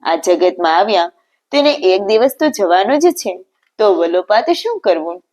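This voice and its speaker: A woman voicing a grieving elderly mother with steady faith in a narrated devotional story, read in an earnest, pleading way. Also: mid-range voice, unhurried. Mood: devout.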